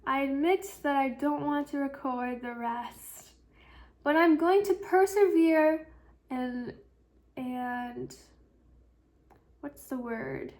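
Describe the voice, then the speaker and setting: A woman's voice: high voice, slow pace, pauses often, darkish tone. A woman hosting her own podcast, chatting casually and rambling with lots of fillers, sounding sleepy and yawning. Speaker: podcast host. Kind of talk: casual solo podcast chat.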